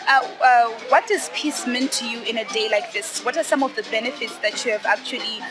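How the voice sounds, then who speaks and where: A woman's voice: fairly high pitch, brisk, music in the background. A woman interviewing people at an outdoor charity event, polite and formal, moving between English and Shona.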